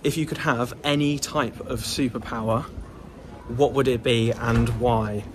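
This young adult from England runs a relaxed at-home vlog, chatting playfully and teasingly to a handheld camera indoors in his apartment living room. His medium-pitched voice is fairly even in intonation and a little slow, with background noise audible.

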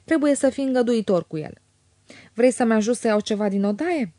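A woman's voice: a little high, warm tone, no echo, studio quality, lightly acted. A woman voicing a young woman who speaks firmly and allows no reply. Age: young adult. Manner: firm, no-nonsense. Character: lively young woman, firm, reproachful.

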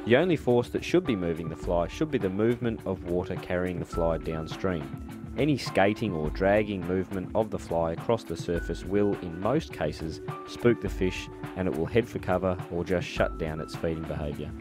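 A man with a very deep voice gives calm, measured documentary narration. He explains each step steadily, like a scripted voice-over. Loud music plays under his voice throughout.

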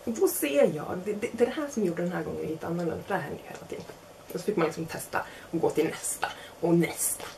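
Young woman storyteller, animated and self-mocking, slightly creaky delivery. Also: lowish voice, a little hiss or hum. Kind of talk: casual spoken anecdote.

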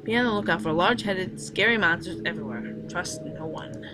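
A woman's voice: fairly low pitch, brisk, background noise, lightly acted. A woman voicing a cute little creature who speaks as a grave, portentous ancient demon lord, read from a visual novel. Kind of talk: reading a visual novel aloud.

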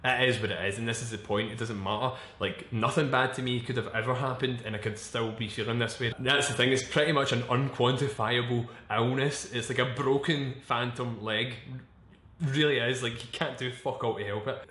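Man, 20s, personal vlog, halting, frank, swears, mid pitch, echoey room. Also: fairly bright tone. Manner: halting, searching for words, frequent restarts. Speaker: vlogger. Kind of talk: candid personal vlog monologue.

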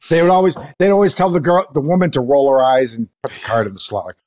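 A man's voice: fairly high pitch, animated, fast talker, a little mellow. A man in his sixties co-hosting a casual podcast from his home workshop over a video call, joking and laughing often. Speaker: podcast co-host. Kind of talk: casual chat. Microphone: headphones and studio mic on video call.

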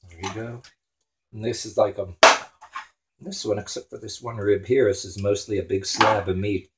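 Cutting meat in his small kitchen, a home cooking show host speaks at normal speed in a lowish voice with a level tone. His chatter is crude and joking, and he chops as he talks. Kitchen clatter sounds behind him on the counter-mounted camera.

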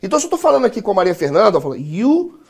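A man's voice: high voice, very animated, racing, gravelly. A Brazilian man teaching English in a live class, leading call-and-repeat drills and joking with his students. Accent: Brazilian Portuguese.

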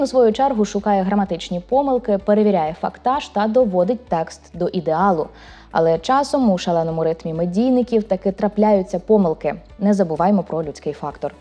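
A woman hosting a language program, reading a scripted narration with clear, deliberate delivery of word examples. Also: medium pitch, warm tone. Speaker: program host.

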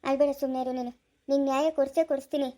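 A woman's voice: high-pitched, level tone, rapid-fire, warm tone. A woman acting in a homemade family drama who speaks in an apologetic, comforting way. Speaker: family channel actor.

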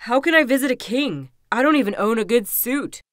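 A woman's voice: fairly high pitch, expressive, a little fast, no echo, clean studio sound, lightly acted. A woman doing a lazy doubtful peasant lad. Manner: skeptical, complaining.

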